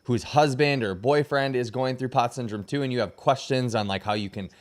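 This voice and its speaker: A young man hosts a casual livestream in a laid-back, slangy manner, often trailing off mid-sentence. His medium-pitched voice moves a little fast.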